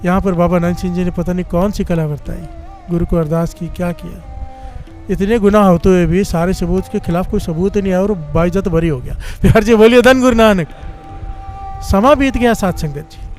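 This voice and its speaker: A man's voice: high voice, a little fast, a little mellow, soft background music. A male preacher giving a sermon, telling stories and repeatedly calling on the congregation to respond.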